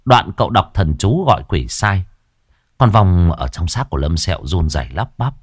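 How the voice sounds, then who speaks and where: A man narrating a dramatized ghost story in a low voice that swings widely in pitch. His telling is lively and expressive, recorded close and dry with no room sound. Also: moderate pace, husky, no room sound.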